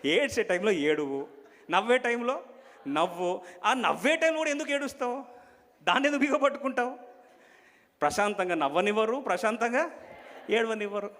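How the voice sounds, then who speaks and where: A man preaching a sermon and questioning the congregation, switching between loud emphasis and soft asides. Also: sits high, expressive, normal speed, long pauses. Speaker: pastor. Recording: long hall reverb.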